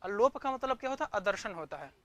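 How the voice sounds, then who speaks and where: A man's voice: high-pitched, animated, quick pace, a bit bright. A man giving an online Sanskrit grammar class, asking questions and answering them himself, repeating each term. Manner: searches the screen for notes aloud mid-lesson.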